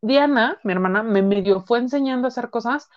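A young Mexican woman in casual, profane chat, telling animated stories. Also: a little high, brisk, dry recording. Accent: Mexican Spanish. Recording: dull lo-fi sound.

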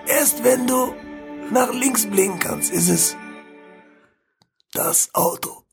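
A pained, slow male ad voice, as a man puts it on, high and gravelly, groaning out each word as if pushing hard. Relaxing music plays clearly in the background. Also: heavily acted. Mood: strained. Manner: drawn-out, straining as if pushing. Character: strained adult male car-ad voice, slow and pained. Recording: relaxing music playing behind.

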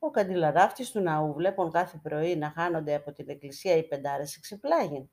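A woman narrating an old short story aloud in an expressive, lively storytelling manner. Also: low voice.

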